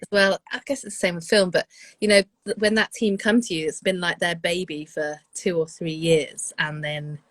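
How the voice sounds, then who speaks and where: A woman recording engineer chatting casually as an interview guest, relaxed and friendly. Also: fairly low pitch, normal speed, no room sound, clean studio sound. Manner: relaxed, friendly, short backchannels. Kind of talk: casual chat.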